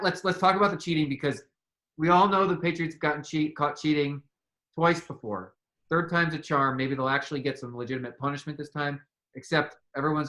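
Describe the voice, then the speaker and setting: A man's voice: fairly high pitch, sharp tone. A man hosting a casual sports debate, chatty and often laughing at his own points. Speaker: host.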